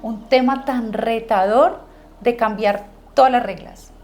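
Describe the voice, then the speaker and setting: Reflective woman host, slightly high. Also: darkish tone, soft background music. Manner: reflective, halting, searching for words. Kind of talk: interview questions.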